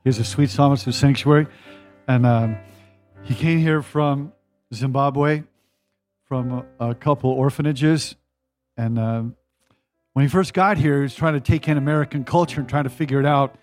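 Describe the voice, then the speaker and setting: Pastor introducing the next speaker. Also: male voice, mid-range voice, normal speed, long pauses, a little mellow, soft background music. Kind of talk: church service hosting.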